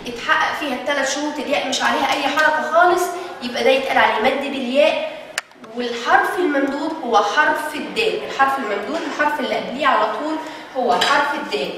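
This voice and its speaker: A woman with an Egyptian Arabic accent teaching young children phonics, sounding out syllables slowly and asking questions she answers herself. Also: sits high, a bit bright, heavy reverb, in a large hall, distant mic, slight background noise, poor audio. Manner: asks the class questions and answers them herself. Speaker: early-years teacher.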